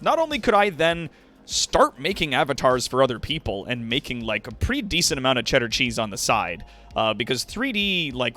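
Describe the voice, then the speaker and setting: An online entertainer with a bright, forceful, medium-pitched voice streams casually to his viewers, chatting with them in a rambling way. He swears freely and thanks them effusively.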